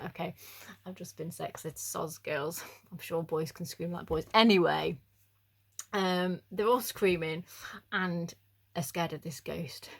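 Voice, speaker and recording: A young woman speaks to a youth group in a relaxed, chatty way. She jokes at her own expense and fills her talk with ums and likes. Her voice sits a little low for a woman. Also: vocal fry. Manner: chatty, jokey and self-deprecating, with frequent fillers. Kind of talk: casual youth devotional talk.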